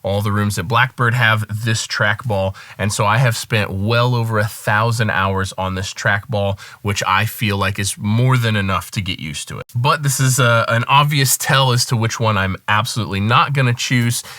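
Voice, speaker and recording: Bright-voiced man doing a gear review. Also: on the low side, dry recording. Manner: conversational, weighs pros and cons in a measured way. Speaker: music producer reviewing gear. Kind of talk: casual product review to camera.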